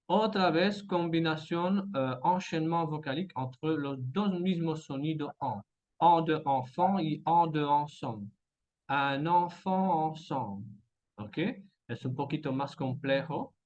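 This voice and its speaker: A man teaching a French lesson in Spanish, going slowly, repeating example sentences and often checking with "ok?". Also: a little high, muffled recording. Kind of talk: language lesson.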